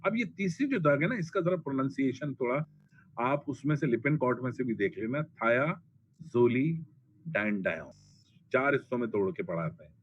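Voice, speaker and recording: A man's voice: mid-range voice, expressive, quick pace. A man giving a pharmacology lecture, blunt and colloquial, repeating drug names for emphasis. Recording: dull lo-fi classroom recording, faint noise.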